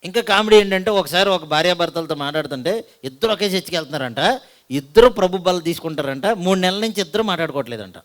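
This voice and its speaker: A male pastor with a Telugu accent preaches fast in a high voice with lively intonation. He asks the congregation questions, swinging from loud appeals to hushed asides.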